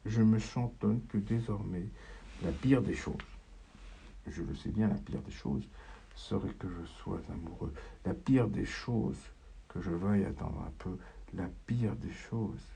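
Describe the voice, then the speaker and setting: A man with a gravelly, husky voice reading a lost, dreamy young man, in a dull lo-fi recording. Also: fairly low pitch, a little slow, pauses often, mellow, full character voice.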